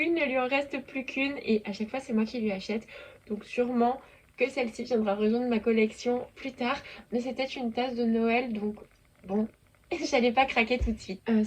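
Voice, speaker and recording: A woman's voice: on the high side, darkish tone, slightly rough. A young woman hosting her lifestyle channel, chatting casually and enthusiastically with many little fillers. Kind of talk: casual chat to camera.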